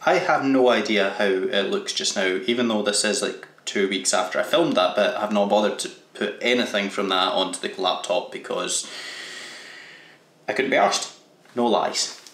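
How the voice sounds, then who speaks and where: Male vlogger, dry self-mocking chat, lower register, roomy echo. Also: moderate pace, a bit bright. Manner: sarcastic, self-deprecating, sweary. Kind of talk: casual vlog outro. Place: home games room indoors.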